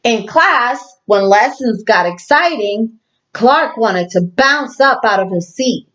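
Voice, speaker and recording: A woman teacher reading a children's storybook aloud, slow and expressive. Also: fairly high pitch, highs cut off.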